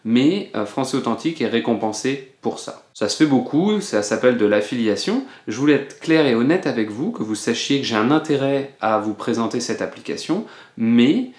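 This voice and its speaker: A man's voice: medium pitch, expressive, normal speed, a little mellow. A man teaching French in a casual video lesson, explaining patiently with frequent hesitations. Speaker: French teacher, channel host. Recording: roomy echo.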